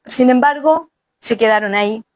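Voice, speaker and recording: A woman's voice: a little high, brisk, no echo, poor audio. A woman pastor preaching a sermon earnestly, speaking directly to the sisters of her congregation. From Chile.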